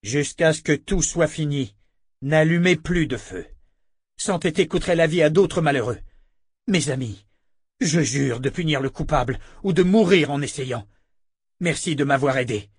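A man's voice: mid-range voice, measured pace, no echo, studio quality, close to an everyday voice. A man voicing a grim, resolute young hero who talks with intensity. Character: grim young man, vengeful water seeker.

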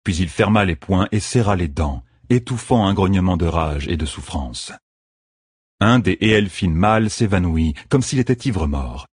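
A man reading an audiobook in a measured, even way, as scripted narration. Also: low voice, breathy edge, dry recording, clean studio sound.

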